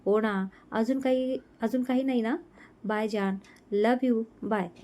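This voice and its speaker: A woman voicing an emotional young bride who talks softly and from the heart. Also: on the high side, steady tone, takes it slowly. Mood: relieved. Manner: soft, tearful, heartfelt.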